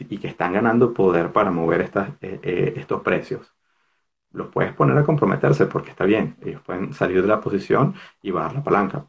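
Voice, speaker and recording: A man talks through markets in a loose, rambling way, stumbling over words and restarting often. His voice sits very low, with a gravelly, husky edge. The sound is dry and close, with no room around it. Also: no room sound. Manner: rambling, many fillers and restarts. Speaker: host of a markets talk stream. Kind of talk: casual market commentary monologue.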